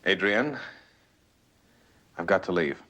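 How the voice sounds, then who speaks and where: An actor playing a smooth, evasive husband with a secret in a television crime drama. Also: male voice, low-pitched, expressive, takes it slowly, pushed and bright, exaggerated voice. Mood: loving, resigned.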